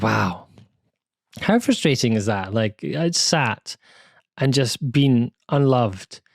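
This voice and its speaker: A man's voice: mid-range voice, no room sound, clean studio sound. A man from the UK with a British accent, chatting casually and self-deprecatingly as host of a quilting channel. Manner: chatty and self-deprecating, with many asides and restarts. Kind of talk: casual chat. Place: home sewing room.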